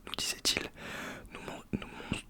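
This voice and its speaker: A man reading in a soft ASMR whisper, informal, sometimes stumbling over words and correcting himself. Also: measured pace. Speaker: ASMR video creator. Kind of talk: whispered ASMR book reading with casual asides.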